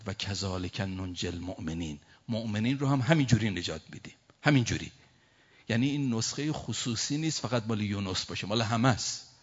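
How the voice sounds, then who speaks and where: Low-voiced male preacher, lo-fi. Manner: recites Arabic verses slowly, then explains them with emotion. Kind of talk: religious sermon. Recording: dull lo-fi recording.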